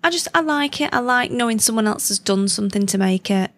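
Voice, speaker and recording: A woman's voice: a little high, expressive, quick pace, no room sound. A woman in casual podcast chat, rambling informally and correcting herself as she goes. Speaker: podcast participant.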